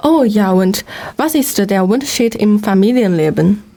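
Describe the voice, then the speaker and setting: A woman's voice: mid-range voice, animated, moderate pace, mellow. Young woman co-host, short prompting questions. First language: Chinese.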